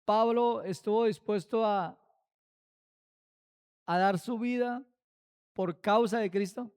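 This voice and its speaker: A man preaching at a Bible study. He speaks slowly and with emphasis, asking many rhetorical questions. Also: high voice, a little mellow, clean tone.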